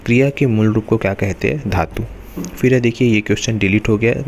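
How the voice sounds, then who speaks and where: A man's voice: fairly low pitch, slight background noise. A man teaching exam-prep lessons, going through one question after another and repeating reminders to remember each answer. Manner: repeats "remember" and "then next" in a steady drilling rhythm.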